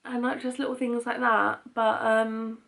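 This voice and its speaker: A woman's voice: fairly high pitch, little pitch movement, a little slow, vocal fry, a bit bright. A young British woman chatting casually and candidly in a vlog Q&A, rambling along with frequent filler words. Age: young adult. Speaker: vlogger.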